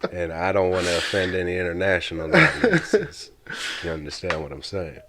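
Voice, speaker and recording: A man's voice: low-pitched, lively intonation, normal speed, pushed and bright. A man co-hosting a podcast in casual chat, joking and often stammering into restarts. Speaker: podcast co-host.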